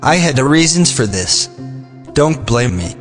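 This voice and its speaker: A synthetic male text-to-speech voice like an old speech synthesizer, reading a scripted narration in a flat, mechanical manner. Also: mid-range voice, a little slow. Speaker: video narrator. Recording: long reverb, music behind. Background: music.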